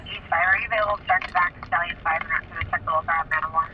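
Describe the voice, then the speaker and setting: Male dispatcher on a police radio, high monotone, fast clipped codes, muffled and staticky. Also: a little hiss or hum. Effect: police radio transmission.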